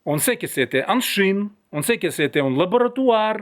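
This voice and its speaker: A man speaking French with a foreign accent, addressing a newsroom in a halting monologue full of restarts. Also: sits high, expressive. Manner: hesitant, halting, many restarts. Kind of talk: open-letter monologue to camera.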